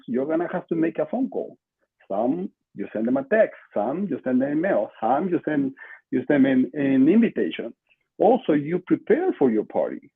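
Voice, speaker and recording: Slightly high-pitched and husky, an older man from Lima, Peru with Spanish as his first language and a Peruvian Spanish accent gives conversational interview answers. He's a marketing entrepreneur appearing as a podcast guest. The video call is from a small room at home, and the desk-distance computer mic makes it muffled and lo-fi.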